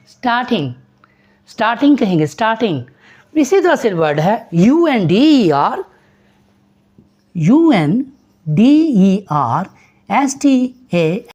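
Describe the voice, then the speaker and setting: Pakistani-born male English tutor, unhurried, spells words letter by letter. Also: sits high, a little mellow, muffled recording. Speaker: English teacher. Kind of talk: pronunciation lesson.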